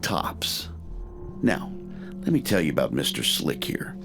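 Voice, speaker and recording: An actor playing a gruff, older retired male war hero who recruits soldiers, speaking in a dry, understated way. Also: sing-song, measured pace, exaggerated voice. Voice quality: deep gravelly voice. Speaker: recruiting sergeant. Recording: game audio over loud music.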